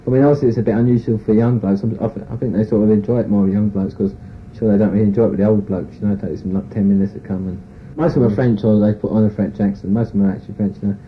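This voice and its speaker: A man's voice: lowish voice, fairly even intonation, very fast. Rambling man on a tinny tape. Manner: rambling, full of "you know" and "sort of". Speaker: interviewee. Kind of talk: frank rambling personal account. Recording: tinny phone-like tape recording with faint hiss.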